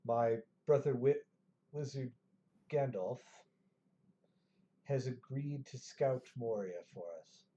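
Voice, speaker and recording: A man voicing a grave, formal elder of a wizard council, slow and deliberate. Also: mid-range voice, warm tone, highs cut off, slight background noise, natural voice. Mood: solemn.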